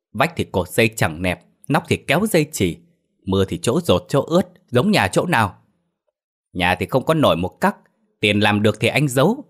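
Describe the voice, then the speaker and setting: A man voicing an angry young village wife who scolds her husband loudly. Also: medium pitch, voice pushed up. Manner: loud, scolding, rising.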